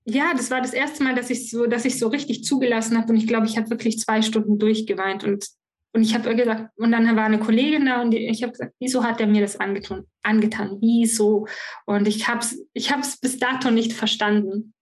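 A woman's voice: fairly high pitch, steady tone, a little fast. A young woman telling her personal story frankly and with emotion as a podcast guest, often restarting her sentences. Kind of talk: personal interview conversation.

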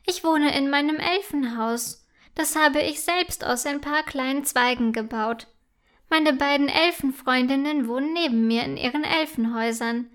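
A woman voicing a tiny, cheerful young female forest elf who talks eagerly and brightly. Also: sits high, moderate pace.

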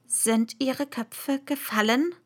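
A woman reading a storybook and voicing a shrill, furious tyrant queen who bellows her orders in a piercing voice. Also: slow pace. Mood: cold commanding.

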